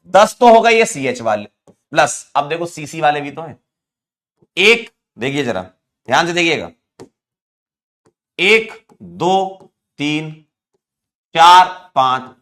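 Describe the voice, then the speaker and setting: Male chemistry teacher from India, bright slightly high voice, playful teasing manner, live online class. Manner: playful, teasing, counts aloud.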